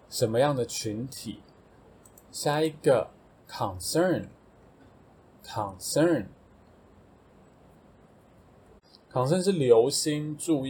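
Casual male podcast host, Taiwanese Mandarin accent, husky and slow-paced, thinks aloud while teaching words. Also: mid-range voice. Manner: relaxed, thinks aloud with fillers and self-corrections. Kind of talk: casual vocabulary explanation.

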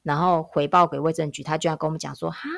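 A woman, a public health nurse telling work stories in a casual podcast chat, animated and emphatic. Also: deep voice, racing, gravelly.

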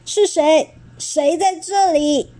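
A woman voicing an injured young male tyrannosaurus in a storybook reading, stammering and whiny in high tones. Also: slow, mellow. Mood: menacing. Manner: stammering, whiny when hurt.

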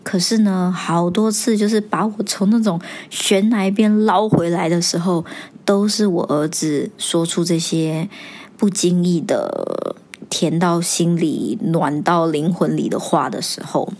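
A woman hosting a podcast, telling a personal story in a chatty, confiding way that slows when she turns reflective. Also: lowish voice, darkish tone. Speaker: podcast host.

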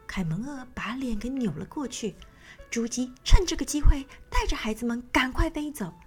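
A woman's voice: sits high, animated, normal speed. A woman narrating a children's story in a sing-song manner, speaking to young listeners. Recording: faint background music.

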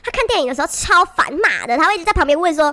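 High, rapid woman. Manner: animated storyteller, swears, acts out others with shrill voices. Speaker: podcast co-host. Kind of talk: casual chat.

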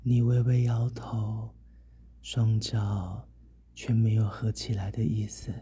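A man with a Taiwanese Mandarin accent narrating softly and intimately in the second person, in whispered role-play. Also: on the low side, little pitch movement, slow pace, breathy edge. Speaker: adult audio narrator.

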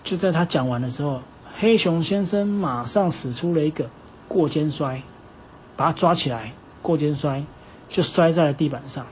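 A man with a Taiwanese Mandarin accent gently improvising a bedtime story for his child and patiently answering questions, recorded on a phone at home. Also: a little high, moderate pace, a little hiss or hum. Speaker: father telling a bedtime story.

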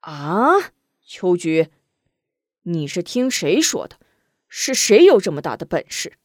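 Brief: stern officer father, played by a female storyteller, soft and hushed when he reasons. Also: fairly low pitch, animated, slow, breathy edge, no echo, clean studio sound, exaggerated voice. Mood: angry. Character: stern middle-aged father, a military officer.

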